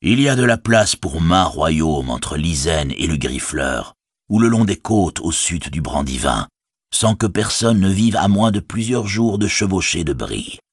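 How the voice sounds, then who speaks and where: A man reading a calm grave old wizard. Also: deep voice, slightly rough, no echo, studio quality, full character voice. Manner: measured, grave, reassuring.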